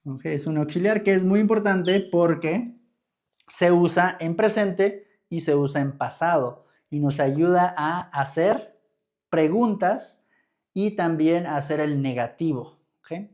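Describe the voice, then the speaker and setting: Chatty Mexican English teacher, higher voice. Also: male voice, takes it slowly, a little mellow. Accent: Mexican Spanish. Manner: chatty, answers viewer comments, checks in with "¿ok?" often. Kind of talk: live-streamed English lesson.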